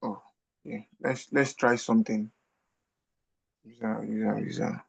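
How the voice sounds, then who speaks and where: A man instructing a class over a video call, guiding slowly with hesitant, repeated phrases. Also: on the low side, fairly even intonation, gravelly, slightly rough, no echo. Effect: heard over a video call. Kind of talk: live online class.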